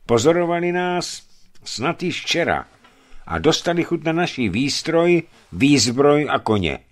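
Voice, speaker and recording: A man's voice: a little high, sing-song, voice pushed up. A man voicing a stubborn, argumentative male expedition member who insists on his point. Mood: insistent.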